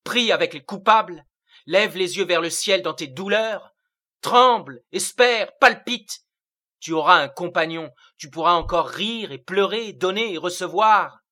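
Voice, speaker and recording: A man's voice: medium pitch, slow pace, long pauses, pushed and bright. A man voicing a sorrowful, otherworldly seraphic being who speaks in solemn, lofty declamation. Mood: exalted.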